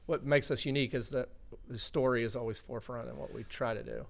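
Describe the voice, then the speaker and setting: A man as a podcast guest, explaining his work thoughtfully and filling pauses with asides. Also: mid-range voice, creaky. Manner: thoughtful, explaining with many fillers. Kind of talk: casual interview chat.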